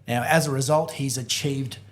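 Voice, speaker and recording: A man's voice: mid-range voice, steady tone, normal speed, a little hiss or hum. A man hosting a real estate podcast, introducing his guest with upbeat enthusiasm. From Australia. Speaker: podcast host. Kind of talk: casual podcast interview.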